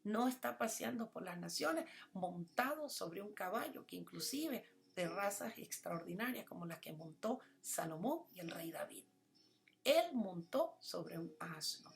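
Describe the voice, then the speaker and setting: A woman giving a sermon, calling her listeners her children, her voice swelling loud and then dropping almost to a whisper. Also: lowish voice, lively intonation, unhurried, creaky. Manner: earnest preaching, swells loud then drops to a near whisper. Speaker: preacher. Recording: soft music bed under the voice.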